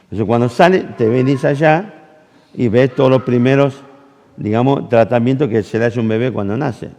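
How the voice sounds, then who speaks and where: A pastor with an Argentine Rioplatense Spanish accent preaches a sermon in a church camp hall, animatedly telling a personal story, acting out dialogue and asking the congregation questions. His mid-range voice moves at normal speed, and the hall adds a long reverb.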